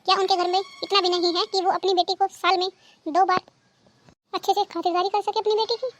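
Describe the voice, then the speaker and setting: A stern cartoon mother-in-law who scolds her daughters-in-law, voiced by a woman. Her voice sits very high and thin, with a faint hiss under it. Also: level tone, brisk. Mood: scolding. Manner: scolding, sharp-tongued. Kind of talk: cartoon dubbing.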